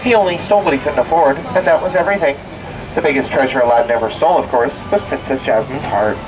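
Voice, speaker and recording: A man giving a theme park ride spiel as boat skipper, telling scripted stories theatrically with puns and drawn-out words. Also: on the high side, far from the mic, background noise. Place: outdoors on a tour boat.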